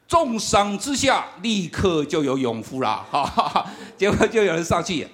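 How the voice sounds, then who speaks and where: A middle-aged man, giving a lively, humorous sermon testimony and often laughing as he tells the story. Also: high-pitched, moderate pace. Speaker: campus ministry worker.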